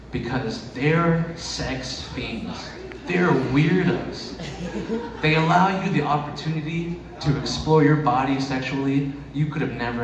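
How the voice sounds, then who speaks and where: A man's voice: medium pitch, highs cut off. A man performing a stand-up comedy set in a conversational, profane way. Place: echoey room with live audience. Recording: echoey noisy room, distant mic.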